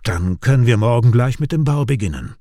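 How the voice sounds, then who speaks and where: A man voicing a calm, secretive brother who speaks quietly and low-key. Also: fairly quick, dry recording, clean studio sound. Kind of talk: audiobook character voice.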